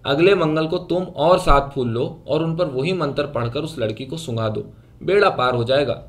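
A man reading a story aloud, voicing a loud, backslapping Sikh man who talks heartily. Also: a little high, close to an everyday voice. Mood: hearty. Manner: boisterous, backslapping. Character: loud, hearty Sikh moneylender-type man, hairy-handed.

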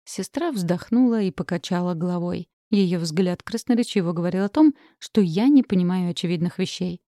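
A woman's voice: fairly low pitch, lively intonation, normal speed, warm tone, no echo, studio quality. A woman narrating a first-person audiobook with heated, emotional reading.

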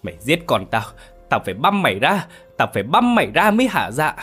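A man voicing a furious village mother shouting threats in a horror storybook. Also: mid-range voice, huge pitch swings, fairly quick, breathy edge, soft background music, voice pushed up, full character voice. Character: enraged grieving village mother.

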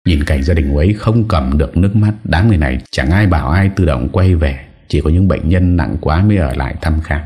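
A man reading a story aloud as an audiobook narrator, with calm, even storytelling. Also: rumbling low, brisk, few pauses.

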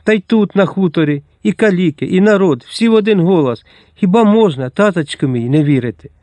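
Палка шляхетна панна з аудіокниги, яку озвучує чоловік-читець, говорить благально й жваво, підносячи голос угору, і звучить сухо, без відлуння. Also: male voice, high voice, lively intonation, a little fast, dark tone, dry recording, voice pushed up. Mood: eager, pleading. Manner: eager, pleading. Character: young woman, a noble daughter, passionate and easily moved.

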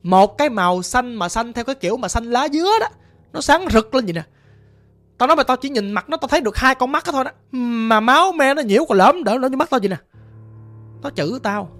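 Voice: medium pitch, expressive, fast talker, fairly bright tone. A storyteller voicing a cruel but frightened rich old mother, who talks bluntly and coarsely in a Southern Vietnamese accent, over faint music. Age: older.

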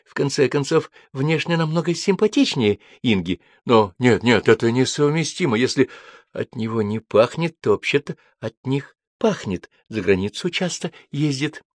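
A man reading a story aloud in an even, measured way. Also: medium pitch, dry recording, studio quality. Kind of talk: scripted narration.

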